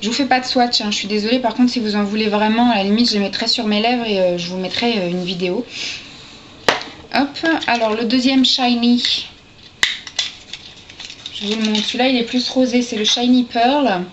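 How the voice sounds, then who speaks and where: A fairly high-voiced woman chats casually to her camera, hesitating often and filling gaps with small asides as she picks things up. The sound is dull and lo-fi, like a built-in camera mic, with a clear hiss underneath. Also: fairly even intonation, moderate pace, long pauses. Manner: chatty, hesitant, with many fillers and little asides while handling products. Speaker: beauty vlogger. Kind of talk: casual haul chat to camera.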